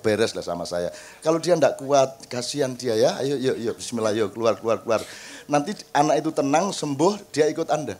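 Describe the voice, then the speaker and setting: A man's voice: medium pitch, lively intonation, normal speed, a little mellow. A man with a Javanese accent telling rambling stories at a public forum, chuckling often and calling his listeners "Mas". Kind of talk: rambling storytelling talk. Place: open-air public gathering.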